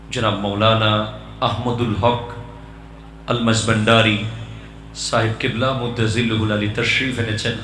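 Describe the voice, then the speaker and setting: A man's voice: fairly low pitch, roomy sound, a little hiss or hum. A man preaching an impassioned sermon to a gathering, urging the crowd to call back. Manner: rising to impassioned shouts, calls crowd to respond. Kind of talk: Bengali waz sermon.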